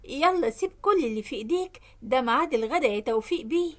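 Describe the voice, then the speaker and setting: A woman's voice: high-pitched, lively intonation, fast talker. Woman doing a scheming, flirty Egyptian secretary. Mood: sweet coaxing. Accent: Egyptian Arabic.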